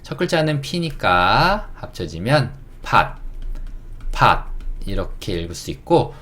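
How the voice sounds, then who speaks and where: A man's voice: mid-range voice, very animated, moderate pace, fairly bright tone. A man teaching beginners to read English words, patient, repeating each word and checking in often. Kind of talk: beginner phonics lesson.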